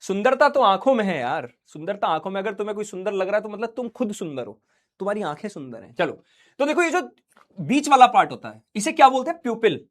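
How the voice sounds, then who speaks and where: A man's voice: sits high, big pitch swings, fast. A young man teaching a science class online, playful and joking, acting out little scenes for his students while feeling unwell.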